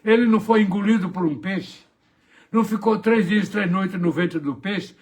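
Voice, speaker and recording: A pastor with a high-pitched, slightly mellow voice preaches a morning devotional at a moderate pace. He retells gospel scenes dramatically, acting out the voices of the people in them.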